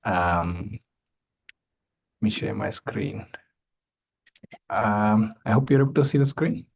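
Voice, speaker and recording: A male guest speaker gives a conference talk over a video call, his loose delivery packed with filler sounds and tag questions. His lowish voice is expressive and gravelly, a little rough, and he speaks slowly.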